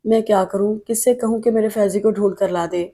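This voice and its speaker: Woman reading tearful old mom begging for her son back, mellow low-key voice, audiobook. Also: fairly even intonation, natural voice. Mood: pleading. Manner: pleading, tearful. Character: grieving elderly mother pleading for her lost son.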